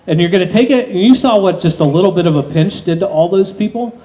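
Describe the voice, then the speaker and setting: A man's voice: high voice, quick pace, warm tone, rough recording. A man hosting a live stage hypnosis show, giving instructions to volunteers conversationally and repeating his phrases, over an amplified mic. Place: open-sided pavilion stage at night.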